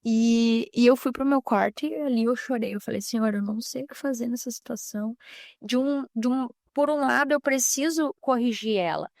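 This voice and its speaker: A middle-aged mother earnestly tells a personal faith story on a podcast, slipping into the lines of her family as she goes. Her voice sits a little high for a woman. The recording is dry and close, with no room echo. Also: moderate pace, creaky, a little mellow. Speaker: mother and housewife sharing a testimony.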